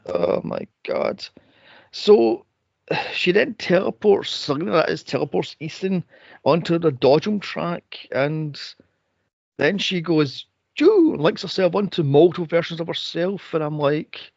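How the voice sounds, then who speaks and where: A man co-hosting a casual movie review podcast retells scenes sarcastically and with exasperation, swearing a lot and mocking them in put-on voices. His voice is on the high side, creaky and a little mellow, at a measured pace. The recording has no room sound and its highs are cut off.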